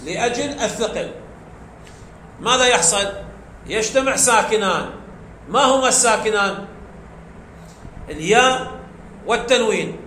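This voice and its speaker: Guy teaching grammar in an echoey classroom, high voice, keeps asking the class questions. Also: a little slow, pauses often, bright, forceful tone. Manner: explains step by step, asks the class questions and answers them himself. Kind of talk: classroom lecture. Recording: echoey room, faint background noise.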